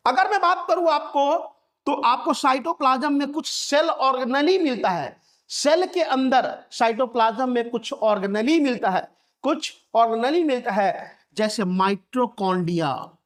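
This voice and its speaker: A man's voice: very high voice, animated, unhurried, fairly bright tone. A male biology teacher lecturing at a board. He keeps asking questions and repeating each term so the class can echo it back. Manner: repeats key terms and asks the class to echo them back.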